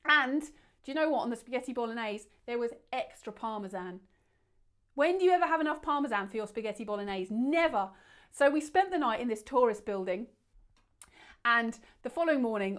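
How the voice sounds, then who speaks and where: A woman tells a bedtime adventure story with a fairly high voice. She keeps it lively and acts out the voices of the people in it with loud shouts. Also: fairly quick. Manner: lively, acts out quoted lines with big shouts.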